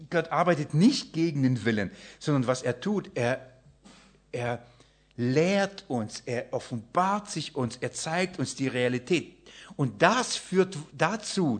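A man with a somewhat high voice preaches a sermon to his congregation. He is emphatic and animated, swinging from loud bursts to near-quiet passages. He acts out the people he quotes as he goes. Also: takes it slowly, breathy edge.

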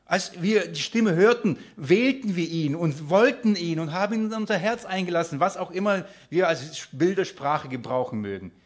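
A man preaching, asking the congregation questions and answering them himself, swinging between loud emphasis and hushed near-whispers. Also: high voice, expressive, moderate pace, few pauses. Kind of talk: sermon with Bible reading.

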